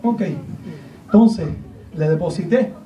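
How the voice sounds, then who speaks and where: A man from Puerto Rico with a Puerto Rican accent, preaching a sermon with animated, humorous storytelling. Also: high voice, slow, a little hiss or hum. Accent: Puerto Rican Spanish. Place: large church hall. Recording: echoey church from a distant mic, dull lo-fi sound.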